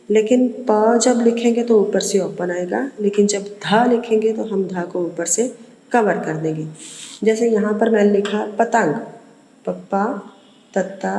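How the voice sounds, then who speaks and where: A woman teacher patiently taking young pupils through letters in an online lesson, sounding each one out slowly and calling them child. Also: mid-range voice, warm tone. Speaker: school teacher. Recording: roomy echo with long reverb.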